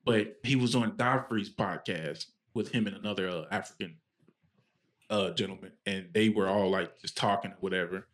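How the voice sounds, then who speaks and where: A man's voice: on the low side, moderate pace. A man co-hosting a podcast, telling a story in a rambling, casual way with many fillers and restarts. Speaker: podcast co-host.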